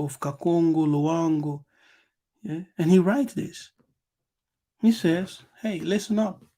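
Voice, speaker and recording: Slow, gravelly-voiced man lecturing. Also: high voice, dark tone. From Angola. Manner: emphatic, repeats words and punctuates with "yes". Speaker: channel host. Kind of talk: lecture, reading passages aloud and commenting.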